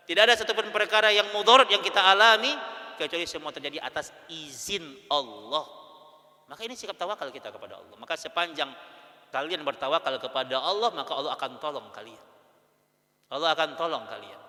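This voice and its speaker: Bright-voiced male preacher in a reverberant mosque. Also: fairly high pitch. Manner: lively, swings between loud emphasis and soft asides; addresses women listeners as "Bu". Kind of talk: sermon. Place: mosque hall.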